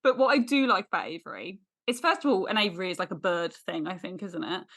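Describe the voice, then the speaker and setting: A woman's voice: on the low side, expressive, fast talker, a bit bright. A woman co-hosting a podcast, chatting casually, playful and laughing often. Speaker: podcast co-host. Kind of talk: casual chat.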